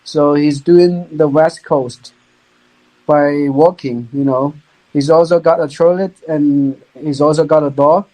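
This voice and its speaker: A young man, speaking as a guest on a podcast. His voice sits a little high with a soft, mellow tone. He talks casually but haltingly, restarting sentences and repeating words as he goes. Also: steady tone, rough recording. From China. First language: Chinese. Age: young adult. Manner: halting, repeats words, non-native grammar. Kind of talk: casual storytelling.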